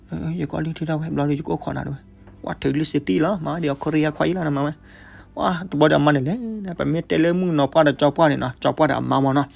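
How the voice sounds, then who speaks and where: A man telling a folk story, switching between loud outbursts and hushed asides. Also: fairly high pitch, fairly even intonation, racing, creaky, faint music behind.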